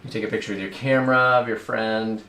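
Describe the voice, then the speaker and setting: A man's voice: lowish voice, fairly even intonation, fast talker, sharp tone. A man painting on a livestream, talking reflectively about his work and searching for his words. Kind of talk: casual livestream chat. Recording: roomy, noisy, echoey room.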